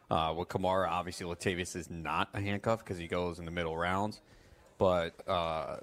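A man co-hosting a casual fantasy football chat, giving measured, analytical takes. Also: sits low.

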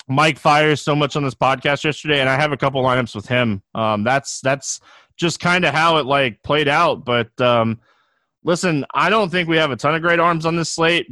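A man hosting a sports podcast, chatting casually and haltingly, often repeating words as he thinks aloud. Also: fairly high pitch, sharp tone, no echo. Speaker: fantasy sports podcast host.

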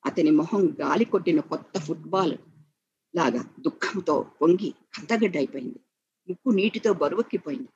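A man narrating a story slowly and with feeling, in a muffled lo-fi recording. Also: a little high, darkish tone, slightly rough. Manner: slow and measured, with emotional emphasis.

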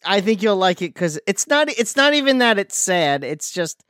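A man's voice: sits high, very animated, normal speed, a bit bright, no room sound, studio quality. Chatty man hedging with restarts. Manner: chatty, hesitant with many restarts. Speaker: podcast co-host. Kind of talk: casual chat.

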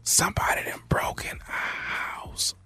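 A man's voice: very high voice, sing-song, moderate pace, vocal fry, a bit bright, no echo, voice pushed up, exaggerated voice. A man putting on a panicked caller who whispers from a closet and begs not to call the police. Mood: frantic whisper. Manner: frantic whispering, pleading.

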